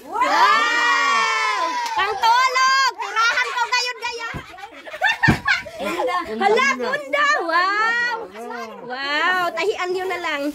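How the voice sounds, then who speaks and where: A very high-pitched woman keeps exclaiming as she talks to her viewers, in an unhurried rhythm. A loud crowd of voices surrounds her the whole time. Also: very noisy. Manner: exclaims constantly, addresses viewers as friends. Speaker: vlogger. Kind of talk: excited unboxing vlog. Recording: loud crowd of people around.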